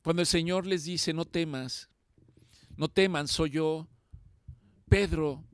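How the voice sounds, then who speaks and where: A man with a high voice preaches a sermon in a slow, deliberate cadence. He leans on repetition and emphasis, building fervor as he exhorts his congregation. The sound is dry and close. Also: smooth, no room sound. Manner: impassioned preaching, slow and emphatic with repeated phrases. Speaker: pastor.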